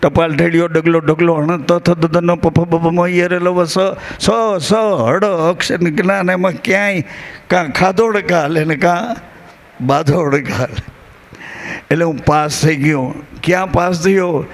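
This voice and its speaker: A man's voice: on the high side, steady tone, measured pace. A man with a rural Gujarati accent giving a devotional discourse to a live gathering, telling stories in a folksy way and quoting verses and dialogue. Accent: Gujarati, rural Saurashtra. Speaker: bhajan singer and spiritual speaker.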